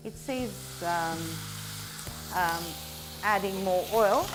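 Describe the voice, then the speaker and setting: A woman presenting a cooking demonstration, explaining each step instructively with frequent pauses. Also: medium pitch, soft background music, low-quality recording.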